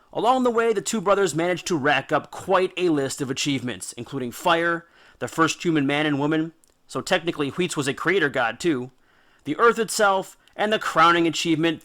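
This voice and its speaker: As narrator and host of a mythology video series, a man tells stories in a scripted yet informal educational style, dramatic, jokey, and slangy with punchy emphasis. His voice is a little high, pushed, and bright.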